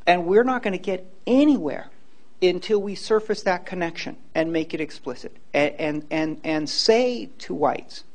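A man's voice: sits high, moderate pace. Earnest man lecturing in a hall. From Hawaii. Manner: earnest, emphatic, repeats words when starting a point. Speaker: law professor giving a public lecture. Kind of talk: public lecture and Q&A. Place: large lecture hall, indoors. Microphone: handheld microphone.

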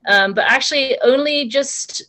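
A woman's voice: sits high, a little slow, bright, forceful tone. A young woman from Hong Kong, speaking on a video call from a room at home, talking casually with many ums and restarts. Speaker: panelist. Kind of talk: casual conversational answer.

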